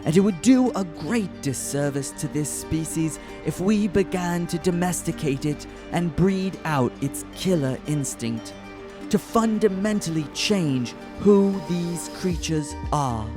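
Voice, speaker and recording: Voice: mid-range voice, animated, unhurried. A narrator delivering a scripted mock nature documentary in a solemn, dramatic manner. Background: background music.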